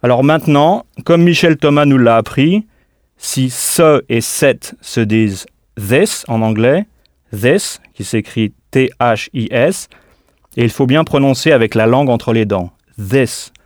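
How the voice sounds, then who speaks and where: A man's voice: mid-range voice, no echo, studio quality. A man teaching a scripted audio language lesson, carefully modelling pronunciation and spelling words out letter by letter. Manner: models pronunciation slowly and deliberately.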